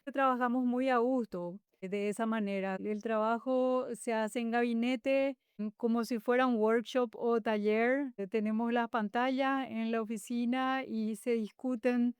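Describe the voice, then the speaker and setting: A woman's voice: a little high, steady tone, measured pace, clean tone, no room sound. A middle-aged woman from Paraguay, answering interview questions in a reflective, hesitant way. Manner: warm, reflective, frequent hesitations. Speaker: guest architect.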